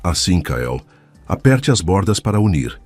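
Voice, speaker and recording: A man voicing a gentle young woman cook who speaks patiently to children. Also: low-pitched, very animated, unhurried, soft background music, exaggerated voice.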